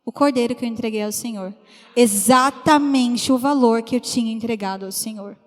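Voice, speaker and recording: A woman's voice: on the high side, moderate pace. A woman preaching a sermon in a church, chatty and storytelling, acting out the voices she quotes. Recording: reverberant church hall.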